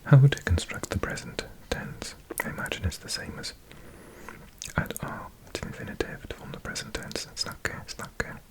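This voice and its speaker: A man whispering softly in a slow ASMR study session, thinking aloud close to the microphone as he sounds out words. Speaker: ASMR creator.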